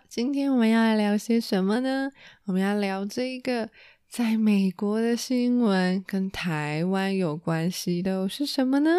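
A woman's voice: fairly high pitch, darkish tone, smooth, dry recording, clean studio sound. A woman from Taiwan, a native Mandarin speaker with a Taiwanese accent, hosting a casual bilingual language lesson and repeating key words as she explains. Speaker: Mandarin teacher and host.

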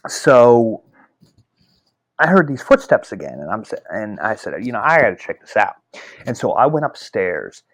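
A middle-aged man casually telling a personal ghost story, rambling with fillers and restarts. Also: on the low side. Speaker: author.

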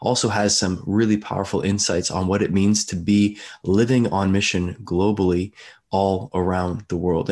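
A man hosts a faith podcast with an eager, affirming way of talking. His voice sits on the low side. It has a husky, slightly breathy edge. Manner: eager, affirming, with frequent fillers. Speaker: podcast host. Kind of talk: podcast hosting and interviewing. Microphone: video call.

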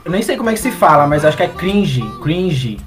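A man's voice: on the high side, expressive, brisk, over music. A man in his twenties from Brazil, a guest in a casual chat, patiently explaining slang. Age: 20s.

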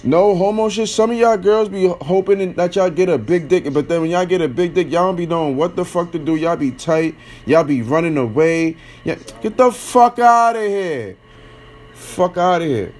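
A man's voice: high voice, normal speed, darkish tone. Blunt, profane young man ranting. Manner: blunt, profane, slangy and mocking. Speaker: podcast host giving opinions. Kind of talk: casual opinion rant.

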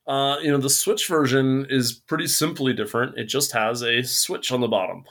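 A man's voice: mid-range voice, normal speed, a bit bright. A man who is a guest on a podcast, a coffee roaster talking in an easygoing way and explaining things plainly. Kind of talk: casual podcast chat.

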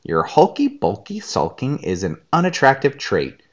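A man's voice: medium pitch, huge pitch swings, moderate pace, dull audio, pitched above the performer's own voice. A man voicing a blunt, straight-talking male octopus in a storybook.

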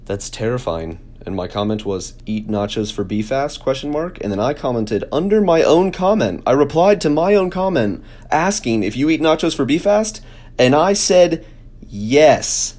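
A man's voice: mid-range voice, expressive, moderate pace, a little mellow. A young man vlogging, mocking himself in sarcastic, casual commentary with exaggerated exclamations.

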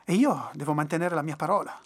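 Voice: medium pitch, quick pace, slightly rough, lightly acted. A storyteller voicing Jack, a cunning, scheming old man who talks in a wheedling, pleading way. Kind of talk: storybook reading.

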